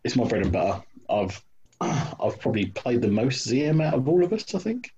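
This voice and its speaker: A man's voice: medium pitch, sing-song, normal speed, mellow, husky. A man in casual chat about his hobby, hesitant, with many ums and restarts, on dull lo-fi call audio. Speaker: hobby wargamer guest.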